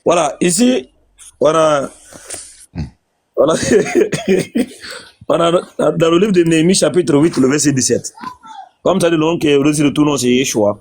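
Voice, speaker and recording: A man's voice: fairly high pitch, lively intonation, measured pace, long pauses, darkish tone, breathy edge. A man in a religious debate, insistently repeating his questions.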